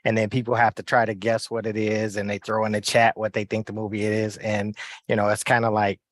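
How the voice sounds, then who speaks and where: A man with a low voice joins a video-call discussion and shares his own experience. He speaks haltingly, with ums and small restarts. The sound is close and dry. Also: monotone, dry recording. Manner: hesitant, many ums and restarts. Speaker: meeting participant. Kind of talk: casual chat.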